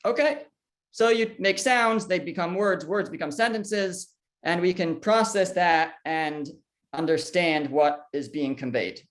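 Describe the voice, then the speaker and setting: A man's voice: high voice, a little slow, fairly bright tone. Man teaching a class, asking questions. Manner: asks the listeners questions and answers them, with small restarts. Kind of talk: explanatory lecture.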